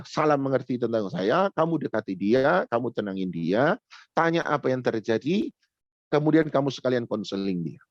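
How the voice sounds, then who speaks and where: A man's voice: medium pitch, no room sound, highs cut off. A man preaching a sermon, telling a personal story and repeating phrases for emphasis. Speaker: pastor.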